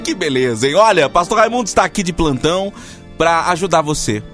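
A man's voice: expressive, fairly quick, a bit bright, soft background music. A man with a Brazilian accent playing an eager deacon and sidekick in a TV comedy sketch, echoing the pastor and hyping the audience. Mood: hyped. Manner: hyping, echoing the pastor, sweeping pitch swings. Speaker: sidekick and announcer.

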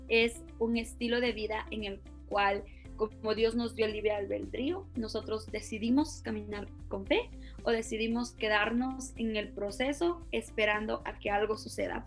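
A young woman from Ecuador in her twenties, a youth pastor, speaking warmly and earnestly as a podcast guest. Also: a little high, lively intonation, moderate pace, soft background music. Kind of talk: interview conversation.

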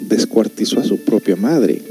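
Low-voiced man preaching prophecy. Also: animated, moderate pace, music in the background. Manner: earnest, moralizing, reads scripture aloud with emphasis. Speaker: prophecy commentator.

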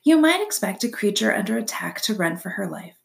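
A woman reads a chapter book aloud, expressive and drawing listeners in. She sinks into soft whispers at the tense moments and speaks to the listener directly. Her mid-pitched voice carries a gravelly edge. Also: brisk. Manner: expressive, drops to soft whispers for suspense, asks listeners questions. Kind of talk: read-aloud storytelling.

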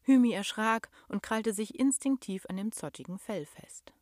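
A woman's voice: mid-range voice, no room sound, studio quality. A young adult woman narrating a storybook expressively, sinking to a whisper at tense moments. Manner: expressive, slow, drops to a whisper. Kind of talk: storybook reading.

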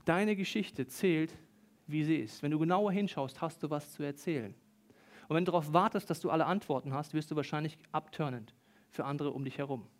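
High-voiced, chatty male preacher. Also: brisk. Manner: conversational, addresses listener directly, animated. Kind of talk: sermon. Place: church hall service.

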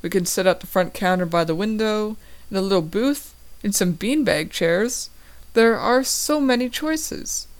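A woman's voice: medium pitch, measured pace, lightly acted. A woman voicing a friendly, joking teenage boy with magic powers in a read-aloud story.

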